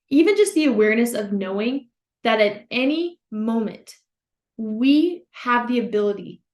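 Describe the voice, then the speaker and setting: A young woman in her twenties hosts a solo motivational podcast from home, her voice sitting a little on the high side. She talks earnestly and brightly, speaking straight to her listeners. The room around her sounds noticeably echoey. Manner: earnest, upbeat, addresses listeners as "you guys". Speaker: podcast host.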